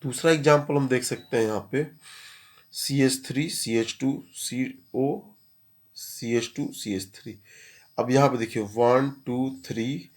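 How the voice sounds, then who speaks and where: Man, chemistry teacher, step-by-step lecture, mid-pitched voice, repeats terms and quizzes himself. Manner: explains step by step, repeats key terms, asks and answers own questions. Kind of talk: classroom lecture.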